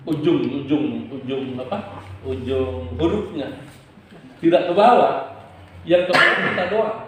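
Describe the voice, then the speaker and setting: A man preaching a religious lesson with a slightly raised pitch and playful, sing-song intonation. His voice rings through a very echoey hall. A faint hum of ambience sits behind it. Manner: playful, acts out quarrelsome vendors with laughter; lively rising and falling intonation. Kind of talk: religious study lecture.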